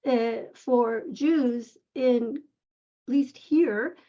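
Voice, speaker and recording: A woman's voice: a little high, very slow, dull audio. A woman in her fifties from Israel, an audience member asking an earnest, rambling question over a video call.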